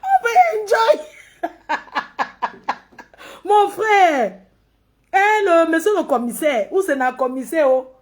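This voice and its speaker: A Cameroonian woman talks through casual live commentary in a high voice and an unhurried delivery. She mocks and scolds as she goes, breaking into laughter often. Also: sing-song. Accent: Cameroonian French. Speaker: social media commentator.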